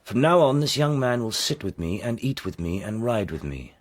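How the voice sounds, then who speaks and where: A man's voice: lowish voice, big pitch swings, moderate pace. An actor playing a brusque, commanding warrior king in a radio drama, curt and authoritative.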